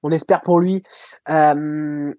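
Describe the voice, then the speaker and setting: A man's voice: on the high side, fairly even intonation, slow, warm tone, dry recording, muffled recording. A man hosting a casual cycling talk show, jokily recapping the race for listeners. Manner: jokey, recapping stages for listeners. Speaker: show host.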